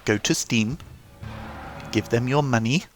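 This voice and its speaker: A man's voice: mid-range voice, unhurried, faint music behind. A young man reading a scripted game review with dry, self-mocking humour. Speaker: gaming YouTuber.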